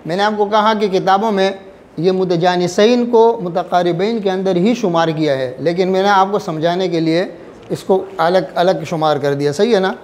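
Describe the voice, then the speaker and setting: A man teaching a recitation class, drilling his students with repeated check questions and reciting examples slowly, letter by letter. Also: high voice, darkish tone. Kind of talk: classroom lesson.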